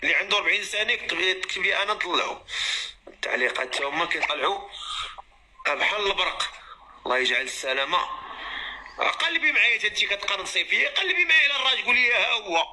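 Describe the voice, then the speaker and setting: Fast bright Moroccan man hosting live. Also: high-pitched, big pitch swings, poor audio. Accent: Moroccan Arabic. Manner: chatty, calls out to viewers and callers. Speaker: host of a live matchmaking stream. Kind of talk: live stream chat.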